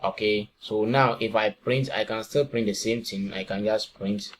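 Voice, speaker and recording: Low-voiced man explaining code step by step. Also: steady tone, moderate pace, a little hiss or hum. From Ghana. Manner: talks step by step, asks and answers own questions. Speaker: programming tutor. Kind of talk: screen-recorded coding tutorial.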